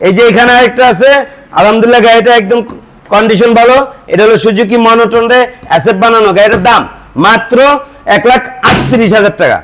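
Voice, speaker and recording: A man with a Bangladeshi Bengali accent giving a used motorbike sales pitch, reeling off features and prices item by item. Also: quick pace, fairly bright tone.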